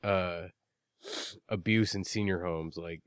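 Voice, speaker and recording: A man's voice: low-pitched, steady tone, takes it slowly, smooth, no room sound, clean studio sound. A man co-hosting a podcast in casual chat, joking, teasing and swearing casually. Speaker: podcast co-host.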